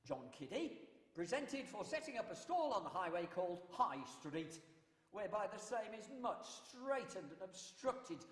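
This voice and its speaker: Pompous town crier played by a man, high-pitched ceremonial proclaiming, echoing hall. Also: a bit bright. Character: old-time male town crier bellowing proclamations, pompous and formal. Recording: echoey hall with long reverb.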